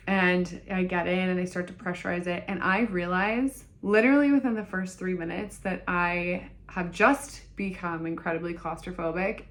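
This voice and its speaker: A young woman vlogging, telling a story in a blunt, jokey way and acting out the dialogue. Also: fairly low pitch. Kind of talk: casual storytelling vlog.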